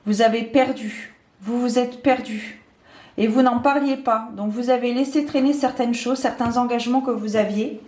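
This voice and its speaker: Woman tarot reader, slightly high voice, hesitant and full of fillers, roomy echo. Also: steady tone, moderate pace, a little mellow. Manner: hesitant, many fillers and restarts. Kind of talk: casual tarot reading to camera. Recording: echoey room.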